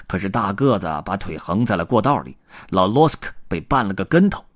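A man reading a children's story aloud, expressive and voicing the characters. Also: lowish voice, a little fast, dry recording, studio quality.

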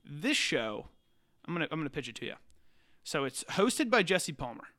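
A young man co-hosting a casual comedy podcast, animated and jokey, recapping shows and tossing in quick put-on quotes. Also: a little high. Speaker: podcast co-host.

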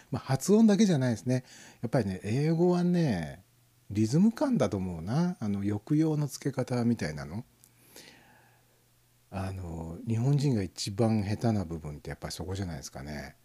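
A man hosting a live internet radio show, musing aloud in a casual, rambling way and chuckling softly as he reads out listener comments. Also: fairly low pitch, very animated, moderate pace, slightly rough. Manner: rambling, musing, frequent fillers and soft chuckles.

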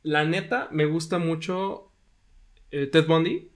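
A man's voice: on the high side, takes it slowly. A young man co-hosting a casual true-crime podcast, rambling and hesitant with casual swearing. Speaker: podcast co-host.

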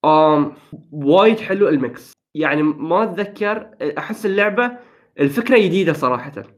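A man's voice: on the high side, expressive, brisk. A young man in casual gaming chat, upbeat and enthusiastic, slipping English phrases into his talk. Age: young adult.

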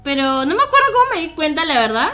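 A woman's voice: extremely high pitch, sing-song, rapid-fire, sharp tone, soft background music. A woman, co-hosting a casual chat and telling a personal story in a candid, self-mocking way with frequent laughs.

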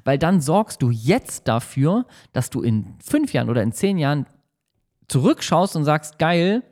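Animated man giving casual motivation. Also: on the high side, moderate pace. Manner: animated, slangy, acts out whiny coworkers.

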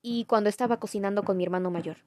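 A woman's voice: mid-range voice, fast talker, a little hiss or hum. Giggly young Mexican woman vlogging. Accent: Mexican Spanish. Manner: chatty, self-mocking, giggly. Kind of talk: casual storytelling vlog.

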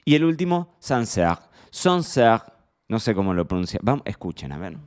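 A man's voice: on the low side, sing-song, brisk, darkish tone. A man with an Argentine Spanish accent hosting a casual solo podcast, chatty and playful, joking about his own mistakes. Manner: chatty, self-deprecating, playful mock pronunciations. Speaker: podcast host.

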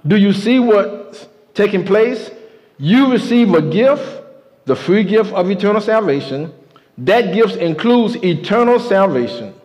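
A man's voice: high voice, lively intonation, measured pace, a little mellow. A man preaching a sermon to his congregation, emphatic, with call-and-response. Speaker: pastor. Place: church sanctuary. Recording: muffled sound with a long hall reverb.

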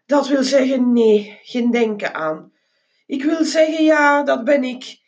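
A woman voicing a flustered, fussy male mouse who gets easily exasperated, with indignant, rising high exclamations. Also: slow pace, dull audio.

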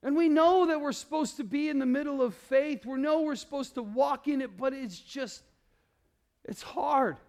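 A male pastor preaching a sermon, calling out to the congregation and swinging between loud declarations and hushed, low passages. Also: moderate pace, gravelly. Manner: calls out to the congregation.

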